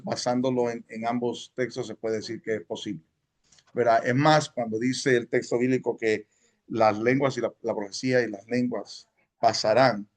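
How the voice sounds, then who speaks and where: A man from El Salvador teaching a Sunday school class at church, speaking conversationally and often checking in with his listeners. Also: lowish voice. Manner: mixes in English words.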